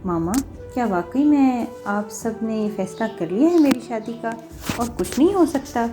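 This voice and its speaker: A heartbroken young woman in tears from an audio novel, as a woman reader voices her. Her voice sits somewhat high and sounds tearful and pleading. Faint music plays behind. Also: animated, close to an everyday voice. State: crying.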